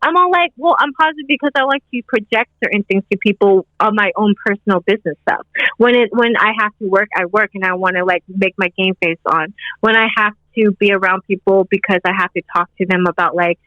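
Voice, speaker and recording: A young woman in her twenties speaks as an interview guest, upbeat and rambling, filling her sentences with "like". Her voice is bright and forward. The recording is dry and a little dull, like a lo-fi remote call. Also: mid-range voice, a little fast, no echo. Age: 20s. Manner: rambling, upbeat, heavy use of "like". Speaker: podcast guest. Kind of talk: casual interview chat.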